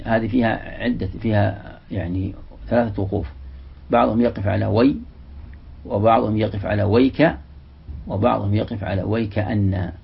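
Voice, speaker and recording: Gravelly, husky man teaching a religious lesson. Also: on the low side. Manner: reads a passage, then explains it slowly and repeats the example words. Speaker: lecturer explaining a classical text. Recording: dull, lo-fi lecture recording.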